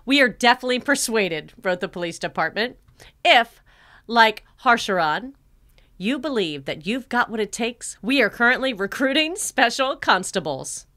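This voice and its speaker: A woman's voice: fairly high pitch, sing-song, normal speed, pushed and bright. An American woman co-hosting a podcast, chatting casually and reading out stories in a jokey, exclamatory way. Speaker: podcast co-host.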